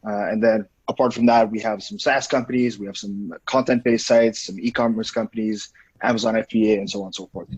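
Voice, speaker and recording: Husky young man from Estonia, dull audio. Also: on the low side, steady tone, a little fast, a little mellow. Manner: thoughtful, hesitant with fillers and restarts. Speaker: guest, digital marketing director. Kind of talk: casual interview.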